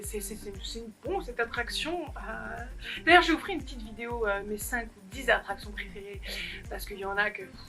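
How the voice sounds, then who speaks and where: A young woman vlogger addresses the camera alone at home in a casual haul, giggly, rambling, and self-mocking. Her voice is on the high side, pushed and bright.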